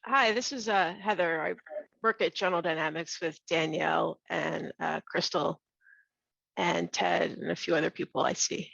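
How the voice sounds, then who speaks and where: A middle-aged woman who is losing her voice, speaking bluntly and candidly on a video call, often halting and restarting. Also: fairly low pitch, fairly even intonation, gravelly, a bit bright, dry recording, dull audio. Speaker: webinar participant. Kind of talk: casual discussion on a video call.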